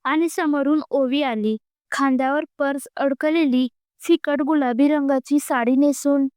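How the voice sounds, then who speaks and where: A woman reading a serialized story aloud in steady storytelling narration. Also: sits high, measured pace, no echo, clean studio sound.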